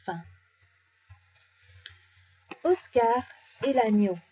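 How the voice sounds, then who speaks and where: Woman reading a bedtime story, soft dark voice. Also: on the high side, drawn-out words, breathy edge, soft background music. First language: French. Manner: animated, changes voice for each character. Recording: dull lo-fi recording.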